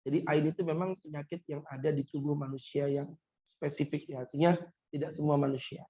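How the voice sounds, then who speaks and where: Man preaching, husky voice. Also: on the high side, steady tone, brisk, mellow. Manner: humorous, addresses listeners as "Pak", quotes Arabic hadith. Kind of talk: Ramadan mosque sermon. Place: mosque.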